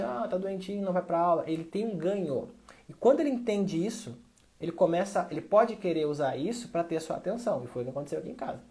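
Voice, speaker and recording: A man's voice: on the high side, a little mellow. A man talking straight to camera as a parenting educator, conversational and often checking in with short tag questions. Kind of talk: direct-to-camera advice talk.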